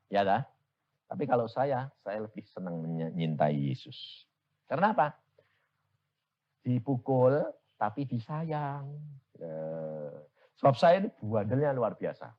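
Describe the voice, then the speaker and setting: Preacher, lively up-and-down delivery, storytelling sermon, lo-fi tape. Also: male voice, on the low side, slow, pauses often. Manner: animated, humorous storyteller. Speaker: evangelist preacher. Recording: dull lo-fi sermon recording.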